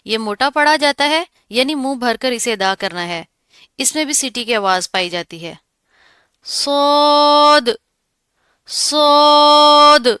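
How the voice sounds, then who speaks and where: In this pronunciation lesson, a female Quran recitation teacher describes each sound, then pronounces it in a slow, stretched-out way. She sounds crisp, bright, and a touch high, recorded up close with no room sound.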